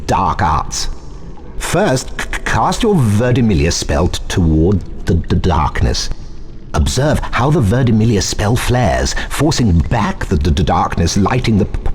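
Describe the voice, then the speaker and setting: An actor playing a timid wizard professor in a video game, stuttering heavily and speaking in a hesitant, halting way. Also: male voice, on the low side, sing-song, darkish tone, a little hiss or hum. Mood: nervous, instructive. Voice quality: heavy stutter on consonants. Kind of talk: video game character acting.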